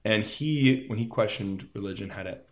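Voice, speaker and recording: A man from Las Vegas talks as a guest in a casual interview, his voice sitting a little low. He rambles through his stories, piling up fillers as he goes. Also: normal speed. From Las Vegas, United States. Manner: rambling, filler-heavy storytelling with many "like"s.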